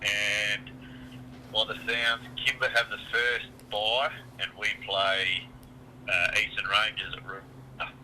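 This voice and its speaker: An Australian man heard through a speakerphone, explaining things casually in stops and starts. His voice sits a little low and sounds very bright and sharp, with a faint hiss behind it. He often repeats and restarts phrases as he talks. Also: little pitch movement, takes it slowly, poor audio. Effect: heard over a phone on speakerphone. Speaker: caller from a local football club. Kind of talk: casual phone chat.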